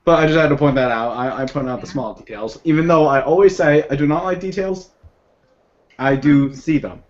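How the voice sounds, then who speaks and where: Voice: medium pitch, a little fast. A speaker from the United States chatting casually in a quirky, apologetic, precise way. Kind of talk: casual online voice chat. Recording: lo-fi voice chat with faint noise.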